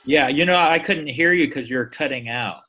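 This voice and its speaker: A man talking casually on a group call about his own book's chapters, easygoing and quick to laugh. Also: fairly high pitch, pushed and bright. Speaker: author presenting his table of contents.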